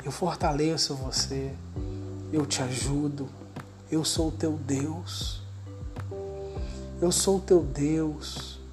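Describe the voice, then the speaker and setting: A woman preacher voicing a gentle, fatherly male God in a slow, hushed whisper, as whispered role-play. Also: low voice, fairly even intonation, music in the background, pitched below the performer's own voice. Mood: tender, consoling.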